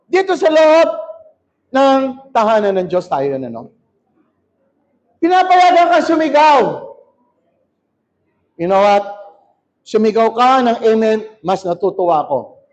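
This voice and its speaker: A male pastor preaching a sermon in a church hall, shouting and calling on the crowd to answer back. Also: extremely high pitch, sing-song, a little slow, pauses often. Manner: shouting, rousing, calls for crowd response. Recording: dull lo-fi recording.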